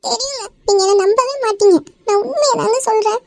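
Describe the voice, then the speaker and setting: Someone voicing a squeaky, tearful cartoon mother. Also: brisk, vocal fry, noisy background. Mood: tearful pleading. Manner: pleading, sobbing. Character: distraught mother, middle-aged woman, tearful. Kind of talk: animated cartoon dialogue.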